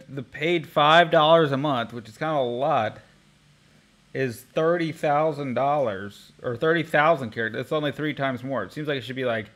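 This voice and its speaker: A man vlogging casually, thinking aloud while testing software, rambling with restarts. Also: mid-range voice. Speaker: tech vlogger.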